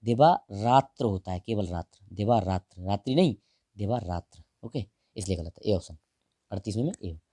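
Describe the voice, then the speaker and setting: A man teaching exam prep, going through answers one option at a time in a casual, direct way and drawing some words out slowly. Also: fairly low pitch, animated, dark tone, dry recording, studio quality. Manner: explains each option, stretches out words while writing; casual and direct, calls the listener brother. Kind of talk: answer-key walkthrough lesson.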